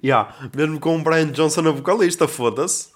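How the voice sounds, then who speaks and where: A young man with a European Portuguese accent, rambling casually as a podcast host and acting out dialogue in quick quotes. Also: fairly high pitch. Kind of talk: casual monologue.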